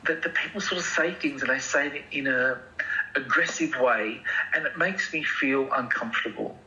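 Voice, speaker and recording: A man playing an anxious, softly spoken therapy patient who talks hesitantly and meanders. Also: medium pitch, moderate pace, lo-fi sound. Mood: earnest. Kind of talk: improvised comedy dialogue.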